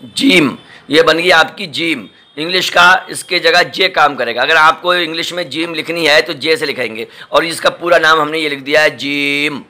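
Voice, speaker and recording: A man teaching the letters of the Quran as an imam, slowly repeating each sound and often checking that the learner follows. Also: fairly high pitch, pushed and bright. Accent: Delhi Hindustani. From India. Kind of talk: patient step-by-step recorded lesson.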